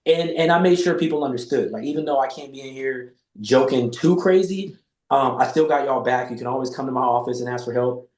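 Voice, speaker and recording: A podcast guest in his forties tells loose, profane stories in a casual chat, acting out the quotes. His medium-pitched voice is darkish and a little fast, with roomy echo in the recording.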